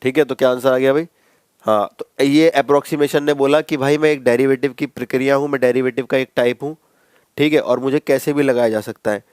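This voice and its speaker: Smooth-voiced male maths teacher lecturing. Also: mid-range voice, steady tone, brisk, a little mellow, dry recording. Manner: conversational, addresses students as bhai, repeats steps. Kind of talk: classroom lecture.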